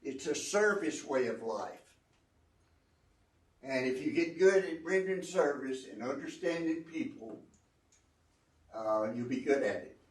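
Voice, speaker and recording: A man's voice: medium pitch, animated, unhurried, pauses often. An older man, a retired entrepreneur, giving an earnest, folksy talk to students and repeating phrases for emphasis. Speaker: guest speaker, entrepreneur. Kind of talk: informal talk to a student audience. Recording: roomy echo, distant mic.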